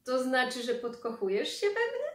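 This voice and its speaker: A woman's voice: high-pitched, huge pitch swings, normal speed, a bit bright, full character voice. A woman voicing an amused young woman with a playful, teasing manner. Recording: echoey room.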